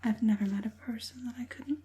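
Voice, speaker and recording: In a whispered ASMR roleplay, a woman plays an evil witch puppet master, sly and coaxing with a false show of care. Her fairly high voice stays in a breathy hush, slow and deliberate, soothing yet menacing.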